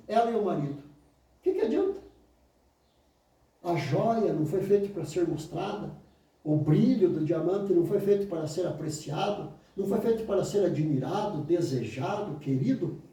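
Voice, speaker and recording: Emphatic Brazilian man in an echoey room. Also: mellow. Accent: Brazilian Portuguese. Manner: emphatic, mimics excuses in a higher voice, then answers low and firm. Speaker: oratory teacher. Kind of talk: motivational lecture. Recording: very echoey room, mic far off.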